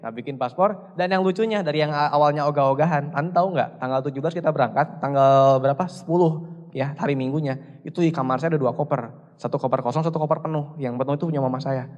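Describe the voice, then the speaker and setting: A man's voice: on the high side, quick pace, darkish tone, highs cut off. A young man giving a motivational seminar talk on stage, chatty and joking, speaking straight to the audience. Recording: reverberant hall.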